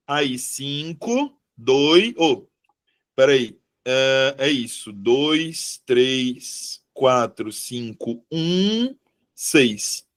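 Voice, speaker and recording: Brazilian guy teaching exam prep, slow talker, kinda high voice, keeps checking in with the class. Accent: Brazilian Portuguese. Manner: chatty, checks in with students, corrects himself aloud. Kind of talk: live online exam review class.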